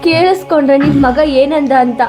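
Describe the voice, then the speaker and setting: A woman's voice: high-pitched, fairly quick, over music, lightly acted. A woman acting a grieving rural mother pleading with her son. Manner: pleading, sorrowful.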